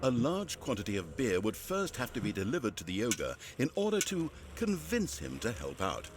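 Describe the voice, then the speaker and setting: An actor playing a droll, sarcastic storybook narrator in a comic video game, with pompous, theatrical delivery. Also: male voice, mid-range voice, huge pitch swings, normal speed, background noise. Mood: droll storytelling. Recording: music behind the voice.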